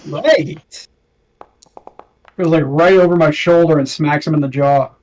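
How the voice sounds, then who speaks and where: A man with a somewhat high voice plays a tabletop game. He talks casually, reasoning out loud in a conversational way as a player among friends. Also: a little slow, rough recording. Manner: thinks aloud.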